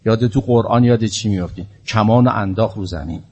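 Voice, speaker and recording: A man's voice: fairly low pitch, mellow, husky, muffled recording. A male preacher telling a religious story in a sermon, shifting into impassioned appeals.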